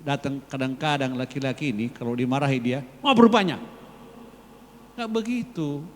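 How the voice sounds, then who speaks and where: A man leading a congregation, coaxing and repeating phrases slowly for emphasis while calling out to the men. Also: mid-range voice. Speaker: worship leader addressing the congregation. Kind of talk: lively sermon-style exhortation. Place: large church hall. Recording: long church hall reverb.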